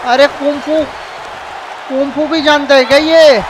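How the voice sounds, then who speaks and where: A man giving excited, casual commentary over a wrestling video game and often shouting. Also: very high-pitched, a little slow. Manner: excitable, shouts often, calls people bhai. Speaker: gameplay commentator. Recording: noisy background with crowd sounds. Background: video game arena crowd and noise.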